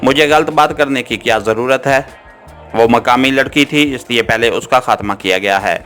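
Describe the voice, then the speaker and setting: A man voicing an armed male cult guard in an audiobook, speaking in a harsh, flat tone over soft background music. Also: medium pitch, moderate pace, natural voice. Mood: menacing. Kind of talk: audiobook character reading.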